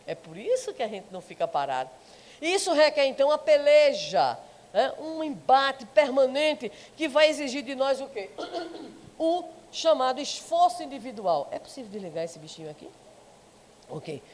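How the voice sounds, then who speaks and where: A woman with a high voice gives a spiritual lecture in a reverberant hall. She tells stories and throws rhetorical questions out to her listeners. A long echo trails each phrase. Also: big pitch swings, moderate pace, a little mellow. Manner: engages the audience with rhetorical questions. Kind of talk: public lecture with storytelling.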